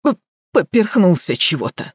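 Woman doing a low blurting clumsy gardener man. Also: sing-song, normal speed, breathy edge, no echo, studio quality. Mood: flustered. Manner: mumbling, blurting. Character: blunt clumsy male gardener, simple-minded.

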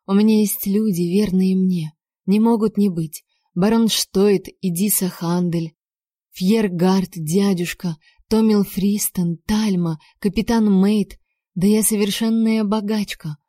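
A woman narrating a first-person audiobook in a measured, expressive storytelling manner. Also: medium pitch, no echo, studio quality.

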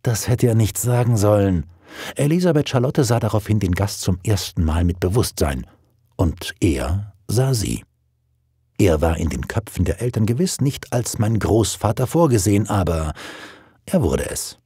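A man reading a narrated story aloud in an expressive, old-fashioned storytelling manner. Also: lowish voice, normal speed, husky, no echo, clean studio sound. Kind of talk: scripted narration.

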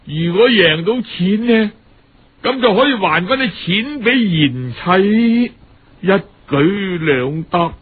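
Over phone-quality sound, a high-pitched, husky, animated man with a Cantonese accent narrates a story like a radio audiobook. His telling is colloquial and dramatic, with long, drawn-out particles closing his phrases.

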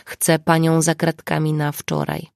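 A woman voicing a gruff, wry male police inspector in an audiobook, blunt and sardonic. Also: deep voice, completely flat delivery, a little slow, no echo, clean studio sound.

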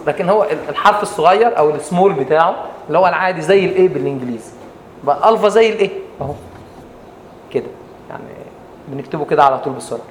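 A man with an Egyptian Arabic accent teaching a lesson, patiently explaining and asking the class questions as he goes. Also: on the high side. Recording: echoey room, faint background noise.

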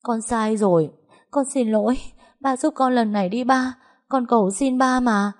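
A woman's voice: mid-range voice, normal speed, mellow, close to an everyday voice. A woman voicing a spoiled young adult daughter who begs and pleads in a frightened way. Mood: pleading. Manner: begging, tearful pleading.

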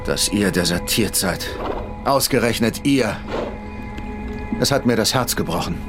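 A man's voice: lowish voice, expressive, measured pace, over music. An actor playing a proud, glory-hungry medieval English king in an audio drama, grandiose and commanding, in archaic courtly speech. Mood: proud, challenging.

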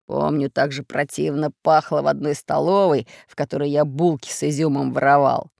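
A woman doing a gruff fat pirate. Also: low-pitched, fairly even intonation, normal speed, a little mellow, dry recording, studio quality, pitched below the performer's own voice. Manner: gruff, hoarse, grumbling. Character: fat red-bearded male pirate, gruff and scheming. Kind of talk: audiobook character voice.

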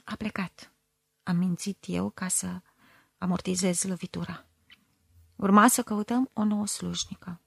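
A woman reading a novel aloud in the first person, measured and expressive, dropping at times to a whisper. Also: fairly low pitch, gravelly, husky, no room sound, clean studio sound. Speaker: audiobook reader. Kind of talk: first-person literary audiobook narration.

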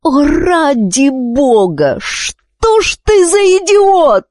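A cunning, hot-tempered queen from a storybook, as a woman reader puts her on. Her voice rises high and swings widely with imperious force. Every line sounds close and dry. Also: huge pitch swings, measured pace, darkish tone, slightly rough, no room sound, heavily acted. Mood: furious. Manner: imperious, shrill when angered.

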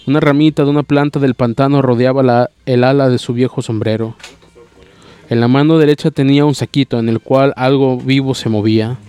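A man reading a novel aloud at a steady pace, sometimes stumbling and restarting a word. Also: medium pitch, a little fast, smooth. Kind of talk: audiobook reading, plain voices for characters.

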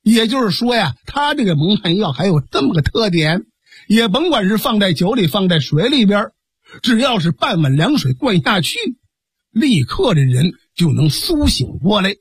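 A man tells a traditional story for a radio broadcast in an animated, colloquial way. His voice is high and husky, and the recording is close and dry. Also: normal speed, no room sound.

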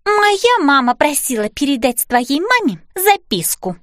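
A woman's voice: high voice, very animated, measured pace, a bit bright, no room sound, studio quality, voice pushed up, full character voice. A woman voicing a smug little girl neighbour in a children's storybook, boastful and mocking.

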